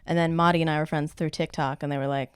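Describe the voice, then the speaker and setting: A woman guest on a comedy podcast talks in a smooth, clear voice, a little low in pitch. She chats casually in slang and pokes fun at herself. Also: flat delivery, fast, no echo, studio quality. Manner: joking, slangy, self-mocking. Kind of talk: casual chat.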